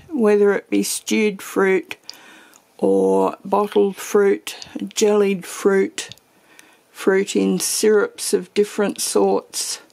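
A homesteading vlogger films her pantry shelves, giving a casual, meandering tour while thinking aloud. Her medium-pitched voice is darkish with vocal fry, and the recording quality is low.

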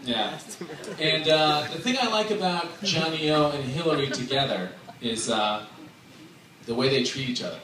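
In a large indoor wedding tent with a dance floor, a man in his thirties gives a chatty, joking best man's toast, his fairly high voice animated and his pace normal, with laughs between lines. The handheld mic feeds the speakers and the clip is filmed from a distance. The result is echoey and noisy, with guests laughing and cheering loudly.

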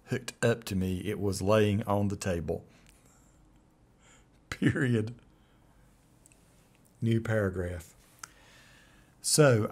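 A middle-aged man with an Appalachian accent, talking casually and deliberately as he demonstrates software. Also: on the low side. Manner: deliberate, spelling out punctuation while dictating. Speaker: software reviewer. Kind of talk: dictation test with casual commentary. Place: room at home, indoors.

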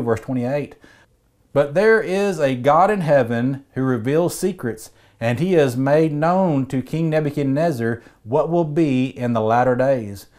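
A man in his forties preaches a scripted sermon, reading Bible verses in a measured, earnest manner. His voice is medium-pitched with a darkish tone. It's recorded in an indoor study lined with bookshelves.

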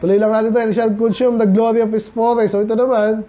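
A Filipino man preaches quickly and flatly, his high voice warm in tone, during a midweek Bible study held in a church hall. Conversational throughout, he mixes English into Tagalog and poses questions to the congregation. Faint noise runs under the dull, lo-fi recording.

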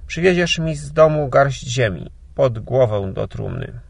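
A man voicing a gruff but kind older emigrant gentleman in a storybook, talking brusquely and grumbling. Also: mid-range voice, animated, measured pace, no echo, exaggerated voice. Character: gruff, kindly old Polish emigrant gentleman.

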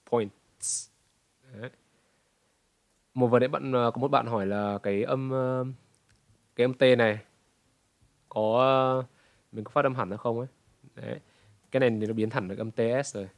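Dry-voiced young pronunciation coach. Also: male voice, medium pitch, dry recording. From Vietnam. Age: 20s. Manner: repeats words slowly to demonstrate, says "đấy" often. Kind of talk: reaction commentary correcting pronunciation.

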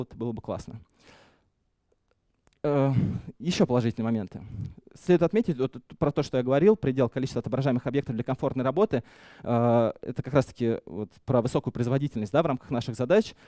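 A man's voice: medium pitch, dark tone, no room sound. A young man giving an informal tech talk at a conference on a headset mic, with many fillers and restarts. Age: young adult. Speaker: conference speaker. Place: conference stage.

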